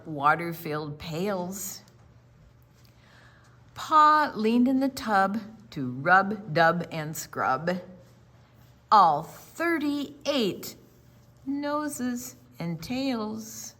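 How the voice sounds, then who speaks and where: A storytime reader with a bright, forceful, mid-range voice reads a picture book expressively to young children. Along the way she leans on certain words and adds little explanations.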